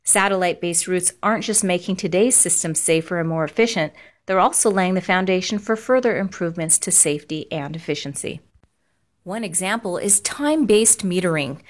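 A woman with an American accent and a voice on the low side reads scripted instructional narration in a measured, formal, explanatory manner.

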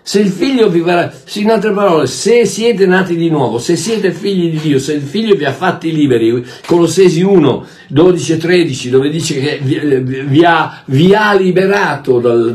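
A man preaching a sermon in an emphatic way, asking rhetorical questions and swinging between loud bursts and quiet asides. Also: a little high.

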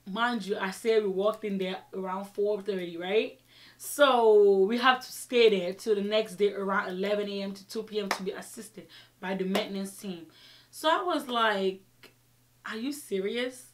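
A young adult woman vlogger giving an animated, exasperated storytime rant, speaking emphatically and acting out quoted exchanges as she retells them. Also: mid-range voice, normal speed. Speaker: vlogger telling her own story. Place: small indoor room with shelves, seated before the camera.

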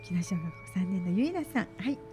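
Speaking fast with big pitch swings, a middle-aged woman with a lowish voice runs a live community radio show, announcing and interviewing with polite, chatty phrasing. She's in a small studio on a boom microphone with headset headphones, faint background music playing softly.

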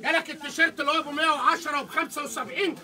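A middle-aged Egyptian man hawks clothes like a haggler in an Arabic market. His voice is very high and his patter comes quickly, prices repeated again and again. He is picked up from a distance in a busy shop. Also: steady tone. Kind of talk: market sales pitch, calling out prices. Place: indoor clothing shop, standing. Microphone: phone camera a few steps away. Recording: far from mic, busy shop chatter.

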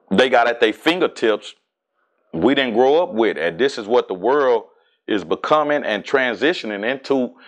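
A man in his forties from Houston with a Southern accent, talking casually and profanely as an interview guest, animated and streetwise. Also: medium pitch. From Houston, Texas. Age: 40s. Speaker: rapper and guest.

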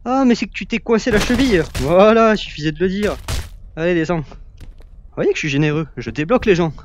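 A young man chatting through a VR game session, teasing and egging on the characters he fights. His voice sits a bit high and swoops up and down a lot as he gets excited. A faint hiss runs under the recording. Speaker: gaming YouTuber. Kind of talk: casual Let's Play commentary. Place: at home, playing VR game.

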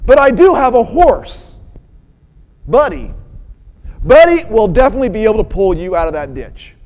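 A woman's voice: a little high, sing-song, moderate pace. A woman pastor voicing a plain-spoken male farmer in a story, folksy and easygoing. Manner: folksy, easygoing, shouting commands to a horse.

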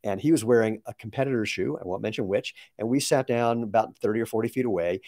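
On a live question-and-answer stream, a company founder in his sixties answers viewers in a relaxed, chatty way, full of asides. He talks fast, with a low, warm voice, captured in a dry recording.

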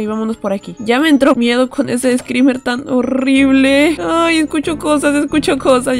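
Young woman, high voice, nervous horror-game streamer who shrieks at scares. Faint music behind. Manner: jittery, frightened, chatty to viewers, bursts into shrieks. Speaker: gaming streamer.

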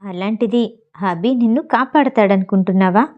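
A woman voicing an obsessive, menacing young man who speaks low, quiet and cold. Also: normal speed, highs cut off, lightly acted. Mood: sarcastic.

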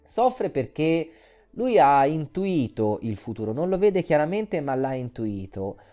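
A woman gives a recorded art history lecture in a low, warm voice. Her pitch moves a lot as she tells the story. She speaks straight to her students. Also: big pitch swings, unhurried, soft background music.

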